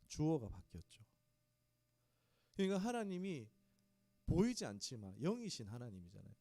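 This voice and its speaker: A man's voice: mid-range voice, wildly swooping pitch, normal speed, dark tone, no echo. A male pastor giving a conversational sermon to his congregation in a small church. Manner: conversational preaching, talks straight to the congregation.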